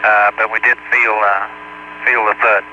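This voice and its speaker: A man's voice: lowish voice, level tone, moderate pace, sharp tone. A man, an astronaut in flight, talking to mission control in a clipped, matter-of-fact way over a distant, breaking-up space-to-ground radio link. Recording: muffled archival space radio with hiss.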